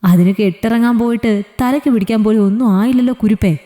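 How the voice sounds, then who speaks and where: A woman's voice: a little high, fast, dark tone, close to an everyday voice. A woman storyteller voicing a young man who pleads and jokes with his fiancée, in a reverberant room. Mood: earnest. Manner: pleading, joking. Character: young man, loving and gently teasing fiancé.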